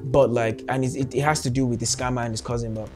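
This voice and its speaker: A man co-hosting a casual film review, talking in a relaxed, emphatic way with repeated phrasing. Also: medium pitch, fast talker, music in the background. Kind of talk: casual movie review chat.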